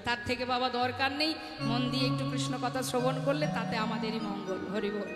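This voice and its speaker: Woman kirtan preacher, high voice, big echoey hall, music playing behind. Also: fast talker. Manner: addresses the crowd as mother and father, exhorting. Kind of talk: devotional sermon with chanting. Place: large hall at a devotional gathering.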